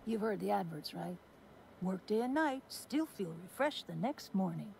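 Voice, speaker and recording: A jaded former testing supervisor, sardonic and weary, in a video game. Her voice has a gravelly edge, with faint game noise behind it. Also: mid-range voice, animated, moderate pace, a little mellow. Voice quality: dry, sardonic, world-weary. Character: bitter, sarcastic former testing supervisor woman. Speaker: game character.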